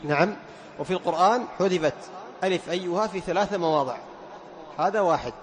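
High-voiced man teaching recitation rules. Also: a little hiss or hum. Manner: stretches out example words slowly to demonstrate sounds; quizzes students with questions and praises answers. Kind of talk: classroom lesson on recitation rules.

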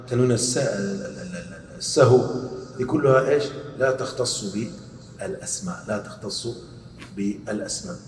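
A man teaching grammar in a lecture, asking questions and answering them himself, repeating quoted verses slowly. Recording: echoey hall, distant mic, faint rumble.

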